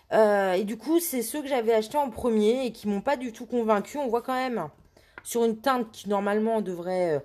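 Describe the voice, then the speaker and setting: A woman with a fairly high voice hosts a live crafting demo, speaking casually and stopping often to search for words. She is filmed by a camera on a tripod at home, and she chats while handling her materials. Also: darkish tone. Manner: chatty, hesitant, many fillers and restarts. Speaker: scrapbooking live host.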